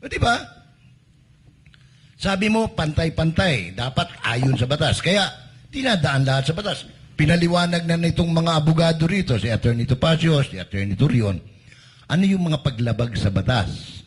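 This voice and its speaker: A man from the Philippines speaks in a high, husky voice. He fires off indignant rhetorical questions in heated political commentary. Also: lively intonation, normal speed.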